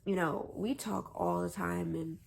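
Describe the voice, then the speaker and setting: A young woman vlogger tells a personal story at an unhurried pace. Her voice has a gravelly, fry-touched edge, and she talks in a rambling, hesitant way full of fillers and restarts. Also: fairly low pitch, fairly even intonation. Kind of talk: casual storytelling to camera.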